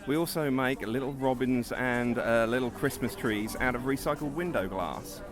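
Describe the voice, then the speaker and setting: A man's voice: medium pitch, normal speed, crowd noise. A man who makes upcycled glassware, cheerfully explaining his craft at a market. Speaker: glassware maker. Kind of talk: casual interview.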